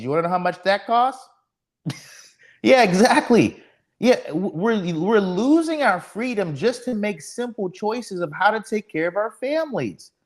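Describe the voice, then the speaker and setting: A man in his forties from Texas, hosting a solo live podcast stream, ranting sardonically and speaking to the chat. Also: high-pitched. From Texas, USA. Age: 40s. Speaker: podcast host.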